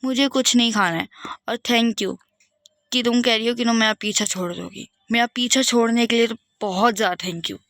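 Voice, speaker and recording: A woman's voice: on the high side, normal speed, fairly bright tone. A woman voicing Suhana, a snappy young student. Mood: indignant. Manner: indignant, snappy retorts. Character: young female student, sharp and suspicious. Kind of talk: doll game role-play voicing.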